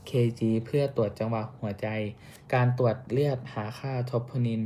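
A man's voice: mid-range voice, fairly even intonation, moderate pace, mellow, slight background noise. Young man reading a class report. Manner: careful reading with small slips and restarts. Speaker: student presenter.

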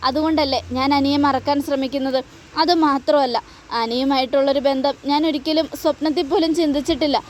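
Brief: woman voicing a tearful young woman in a serial recap, high voice, earnest. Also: fairly even intonation, fairly quick, a little hiss or hum, lightly acted. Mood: pleading. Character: heartbroken young woman torn over love.

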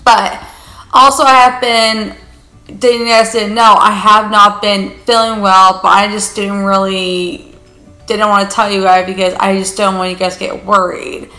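A young woman vlogs to camera from a leather couch in her living room, rambling chattily with lots of "like" and "you guys." Her mid-range voice is bright and forceful but unhurried, with little pitch movement. The room is echoey, with faint music behind her.

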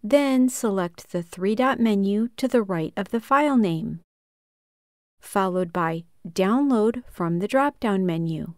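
A woman in her thirties hosting a scripted software tutorial, giving calm, measured step-by-step instructions from a small room. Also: mid-range voice, no echo, clean studio sound. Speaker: tutorial host.

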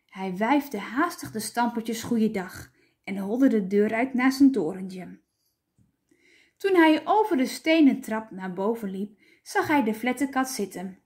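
Woman teacher, storybook read-aloud, slow, lively melody. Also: mid-range voice. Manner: clear, expressive storytelling. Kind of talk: children's storybook reading.

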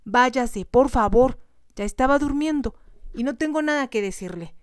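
A woman's voice: sing-song, measured pace, mellow, no echo, studio quality. A woman voicing a frightened young lady who pleads with an intruder to leave her room. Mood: frightened pleading. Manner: pleading, shrill and tense.

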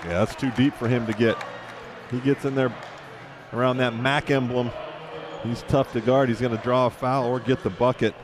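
A man with a medium-pitched voice gives conversational color commentary on basketball. He repeats phrases for emphasis, with clear arena noise around him. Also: steady tone, moderate pace, crowd noise. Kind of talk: conversational sports analysis. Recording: noisy indoor arena. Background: arena noise, bouncing basketball.

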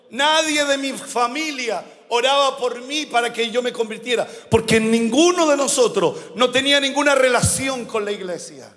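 Man, pastor, fervent sermon, very high voice, echoing hall. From Chile. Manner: impassioned preaching, shouting and slowing for emphasis. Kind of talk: sermon, personal testimony. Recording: long echo of a large hall.

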